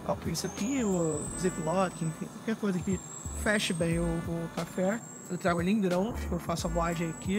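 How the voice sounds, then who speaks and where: A Brazilian man in his thirties with a notably high voice walks through his camp coffee kit. He talks in a relaxed, explanatory way, handling the gear as he speaks. He is recorded outdoors in a forest on a lapel mic, with music playing clearly under crickets and insects. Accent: Brazilian Portuguese. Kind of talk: casual outdoor demonstration.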